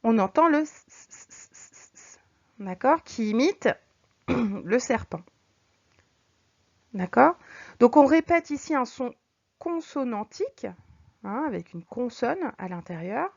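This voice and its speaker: A woman teacher explaining figures of speech to her students, patient, reading examples slowly and clearly. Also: a little high, very animated, darkish tone. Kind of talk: recorded French lesson. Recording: dull lo-fi recording.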